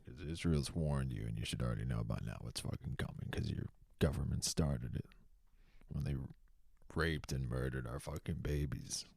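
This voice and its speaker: A man's voice: rumbling low, normal speed, vocal fry, slightly rough, dry recording. A young man from Boston with a Boston accent, hosting a comedy show in a profane, heated rant. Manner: profane, heated, shouting bursts. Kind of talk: stand-up style comedic rant.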